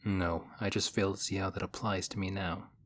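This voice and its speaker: This man plays a reserved, quietly affectionate young nerd in an intimate audio roleplay, speaking in measured, deadpan phrases with a dry, analytical mood. His voice sits low, and there's slight background noise.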